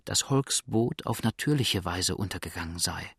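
The widow is a frightened young woman who speaks in a soft, anxious hush, as a man reads her. The voice carries a gravelly edge and sits close and dry. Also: deep voice, animated, moderate pace, dry recording, full character voice.

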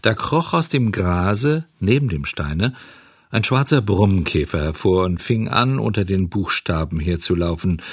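A man narrates a storybook in a low, husky voice, calm and measured. The recording is dry and close, with no room sound. His reading is steady and plain. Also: no room sound. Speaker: audiobook narrator.

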